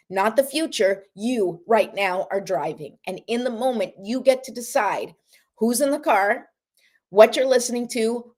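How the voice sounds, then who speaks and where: A woman hosting a casual motivational talk, encouraging listeners and often asking "right?" to check in with them. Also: medium pitch. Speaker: motivational host.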